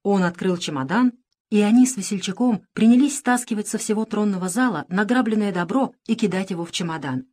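A woman narrating a children's story in an expressive manner. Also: mid-range voice, brisk. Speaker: audiobook narrator.

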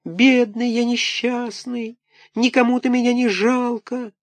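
A tiny wooden puppet boy from a storybook, squeaking far above a normal voice. He whimpers and pleads in a thin, tearful tone. The recording is close and dry. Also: little pitch movement, a little slow, no echo. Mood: pleading whine.

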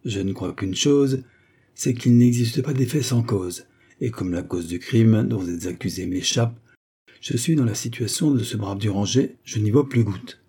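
A man reading the part of a young defense lawyer in an audiobook, questioning his client. The voice is low and mellow with a husky edge. He coaxes and presses with calm patience. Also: moderate pace. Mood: coaxing. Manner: coaxing, questioning. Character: young male lawyer, probing, patient, gently persuasive.

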